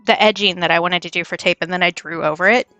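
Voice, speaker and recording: A woman's voice: fairly low pitch, steady tone, fast, sharp tone, no room sound, soft background music. A young woman chatting casually on a livestream while she draws, rambling and stumbling over her words with self-deprecating asides. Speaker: streamer.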